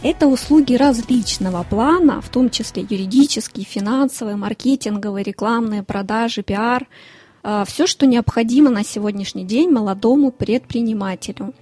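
Woman in her 30s from ukraine, answers slow and measured with lots of fillers, faint music under it. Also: fairly high pitch, a little mellow. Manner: measured, listing things with fillers. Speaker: business consultant and lawyer. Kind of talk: interview answers.

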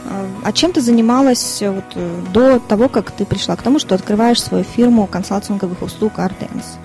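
A woman hosting a business radio interview, asking quick, prompting follow-up questions over faint music. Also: medium pitch, dark tone. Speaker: radio show host.

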